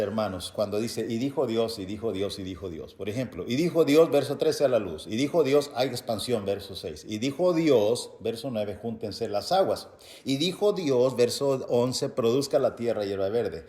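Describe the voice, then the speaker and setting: A man with a medium-pitched voice preaches a Bible-teaching sermon in an echoey room. He reads verses aloud and explains them to his listeners, addressing them as brothers, with loud, emphatic bursts breaking up quieter explanation.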